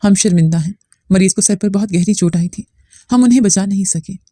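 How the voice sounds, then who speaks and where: A woman's voice: mid-range voice, brisk, mellow, no room sound, natural voice. A woman voicing a solemn, apologetic male doctor with a heavy voice.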